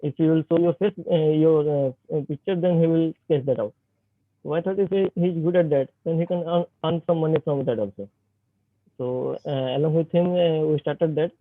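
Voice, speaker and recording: Young man, indian accent, slightly high voice, hesitant with many fillers, bad video-call connection, tinny and dry. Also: dry recording. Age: 20s. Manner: hesitant, full of fillers and restarts. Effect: bad connection on a video call, voice breaking. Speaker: guest speaker, startup founder. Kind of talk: informal talk to students over a video call.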